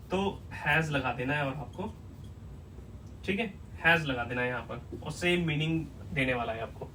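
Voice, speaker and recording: A man teaching an English lesson at a whiteboard, explaining step by step and often checking whether it is clear. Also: a little high, a bit bright, distant mic, slight background noise, poor audio.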